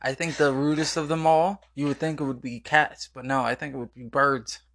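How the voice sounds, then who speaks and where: Young dude rambling in casual chat, swears a lot, repeats himself. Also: male voice, on the high side, steady tone, fairly quick, a bit bright. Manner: rambling, profane, repeats words. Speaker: boyfriend answering questions.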